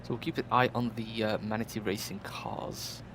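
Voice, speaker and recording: A male race commentator giving measured, analytical live commentary, pausing often with "uh". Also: on the low side, fairly even intonation. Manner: measured, analytical, many "uh" pauses. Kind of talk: live sim racing commentary. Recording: loud background noise.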